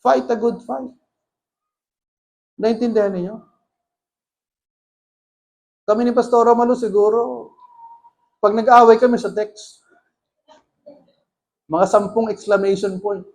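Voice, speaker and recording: A pastor delivers a sermon with a notably high-pitched voice. He mixes Tagalog and English, keeps asking the listeners rhetorical questions, and preaches with earnest emphasis. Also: steady tone, measured pace, long pauses, a little mellow.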